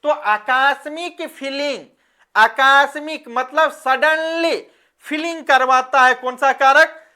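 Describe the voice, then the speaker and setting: A woman teacher, giving a grammar lesson and acting out her example sentences in a drawn-out voice. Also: high voice, pushed and bright.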